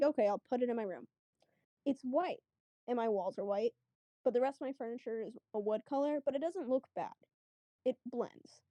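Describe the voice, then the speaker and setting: Chatty woman with a dark, mellow voice. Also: on the high side, dry recording. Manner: chatty, lots of fillers, acts out quotes. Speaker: guest. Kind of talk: casual storytelling.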